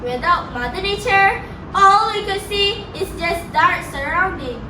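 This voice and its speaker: A woman's voice: extremely high pitch, expressive, unhurried. A young-sounding female performer reciting scripted lines with exaggerated theatrical delivery. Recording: echoey hall, far mic, noisy.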